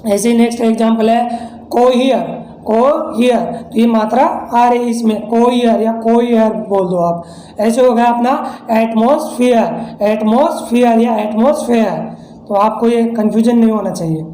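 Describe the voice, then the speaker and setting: A man's voice: very high voice, moderate pace, dark tone, reverberant, poor audio. A man from India teaching English pronunciation in a lesson, explaining step by step and answering his own questions. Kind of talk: classroom-style lesson explanation.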